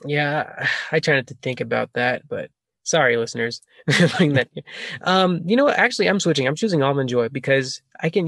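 A man's voice: mid-range voice, fairly bright tone, dry recording, clean studio sound. A man hosting a casual podcast chat, rambling, laughing and correcting himself as he talks. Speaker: podcast host asking questions.

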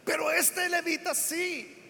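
High-pitched preacher man, emphatic, echoing hall. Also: little pitch movement, takes it slowly, gravelly, slight background noise. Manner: emphatic, rising into shouts on key words; builds lists with repeated phrases. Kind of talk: sermon. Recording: long hall reverb.

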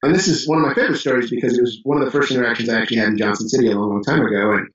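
A man from Chicago with a Chicago accent, a business owner telling stories as a guest in a casual interview, animated and full of restarts. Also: medium pitch, racing, echoey room, distant mic, highs cut off. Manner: animated storyteller, many restarts and fillers.

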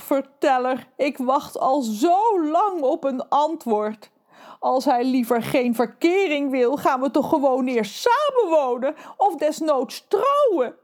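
A woman's voice: a little high, darkish tone, pitched above the performer's own voice. A woman voicing a vain, jealous female fish who talks dramatically about her love life. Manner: dramatic, complaining.

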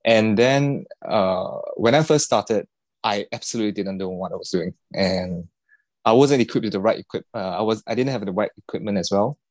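A man answering podcast questions in a relaxed, halting way. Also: lowish voice, no room sound. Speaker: podcast guest, watch collector. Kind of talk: casual interview answers.

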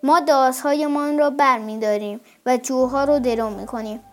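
A woman reading the lines of a patient older village man who reasons and grows exasperated, in a high voice. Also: fairly even intonation, natural voice.

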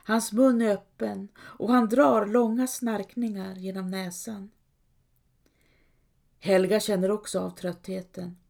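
A woman reading a story aloud as calm scripted narration, lightly voicing quoted characters. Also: mid-range voice, gravelly. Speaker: audiobook narrator.

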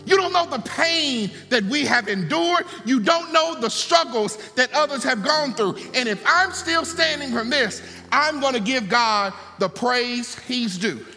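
Preacher guy, high voice swinging all over, slow deliberate delivery, echoing church hall. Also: animated, bright, forceful tone. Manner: call-and-response preaching, folksy asides. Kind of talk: sermon. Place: church sanctuary. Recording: long hall reverb, faint music.

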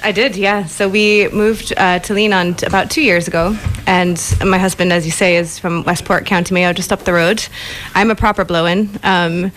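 A woman's voice: lowish voice, fairly even intonation, normal speed, few pauses, fairly bright tone, poor audio. A woman from the United States with an American accent, talking casually as an interview guest in a chatty, self-deprecating way. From Ohio, United States.

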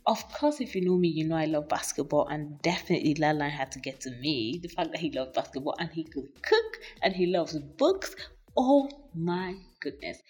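Low-voiced woman gushing about a song. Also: big pitch swings, brisk, few pauses, soft background music. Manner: enthusiastic, gushing. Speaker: music reviewer. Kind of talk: casual song review.

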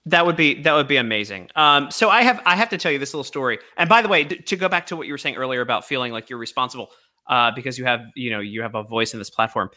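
A man's voice: medium pitch, animated, fast, sharp tone. A man hosting a casual remote conversation, a comedian who teases his guest and tells stories. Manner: teasing, storytelling. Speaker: host, comedian.

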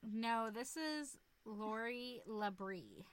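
A young woman co-hosting a podcast, chatting casually, blunt and animated, swearing freely as she tells stories. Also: a little high, very slow. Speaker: podcast co-host. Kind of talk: casual chat.

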